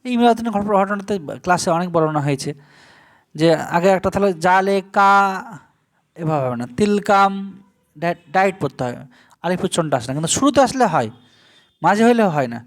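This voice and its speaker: High-voiced man teaching Arabic grammar. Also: expressive. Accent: Bangladeshi Bengali. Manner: explains step by step, slowly spelling out Arabic terms. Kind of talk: online grammar lesson.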